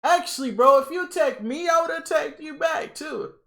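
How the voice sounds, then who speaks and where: A young man hosting a casual livestream reaction, excitable and rambling, repeating himself and talking to his chat. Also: very high voice, moderate pace, gravelly. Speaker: livestream host.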